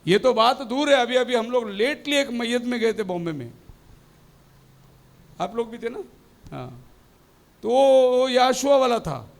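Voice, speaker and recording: A man preaching with a high-pitched voice. He tells stories to make his points and asks the congregation rhetorical questions. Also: expressive, a little slow, creaky, long pauses. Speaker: pastor. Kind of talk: sermon with humorous stories.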